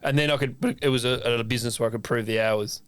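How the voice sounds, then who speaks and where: An Australian man in casual conversation, recorded dry and close with no room sound. He tells stories with lively, acted-out quotes and swears freely. His voice sits at an ordinary middle pitch. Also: racing, clean tone, dry recording. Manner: animated storyteller acting out both sides of a conversation. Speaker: chef and podcast co-host. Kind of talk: casual chat.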